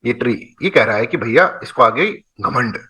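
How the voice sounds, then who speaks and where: Bright-toned Indian male teacher. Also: medium pitch, expressive, normal speed, rough recording. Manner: explains with playful dialogue, frequent "right?" checks. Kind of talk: classroom lecture.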